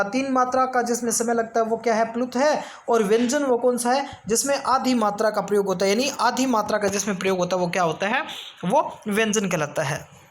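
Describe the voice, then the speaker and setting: A woman with a slightly high voice gives a grammar lesson for exam students. She explains step by step, poses questions and answers them herself, and stretches out vowel sounds slowly to demonstrate them. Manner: frequent check-ins of "theek hai". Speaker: teacher.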